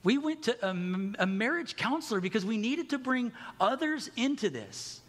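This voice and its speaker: A man's voice: very high-pitched, very animated, moderate pace. Candid preaching man in a reverberant hall. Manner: candid, conversational preaching with self-deprecating humor. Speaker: pastor. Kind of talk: sermon.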